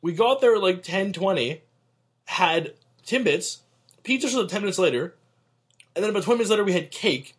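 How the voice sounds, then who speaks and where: A man's voice: sits high, animated, fairly quick, long pauses, husky. A young man co-hosting a casual podcast chat, rambling and joking and often restarting his sentences. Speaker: podcast co-host.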